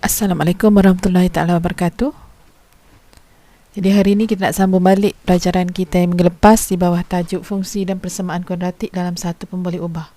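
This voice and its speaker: Patient woman teacher, mellow voice. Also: fairly low pitch, level tone, fast. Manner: patient explaining, poses questions to students; informal teacher's speech with frequent fillers. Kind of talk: recorded classroom lesson.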